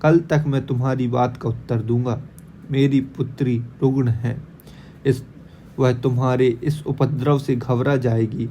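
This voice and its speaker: A man's voice: medium pitch, steady tone, a little slow, mellow, natural voice. A man voicing an older Brahmin father who urges and scolds, in an audiobook read-aloud, with faint noise behind. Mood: cautious.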